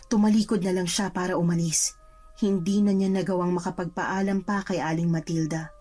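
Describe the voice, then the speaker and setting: A woman narrating a horror story in a measured, dramatic way. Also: mid-range voice, warm tone.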